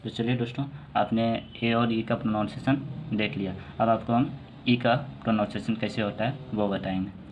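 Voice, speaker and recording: Man, online pronunciation tutor, low voice, slow example words. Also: a little hiss or hum, poor audio. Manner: calm explaining, spells out example words slowly. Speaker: English pronunciation teacher. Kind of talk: online lesson in Hindi.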